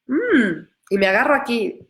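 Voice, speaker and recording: A woman's voice: fairly high pitch, sing-song, measured pace, a bit bright. A woman giving a live coaching talk, earnest and direct, acting out inner voices and repeating key phrases. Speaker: empowerment coach.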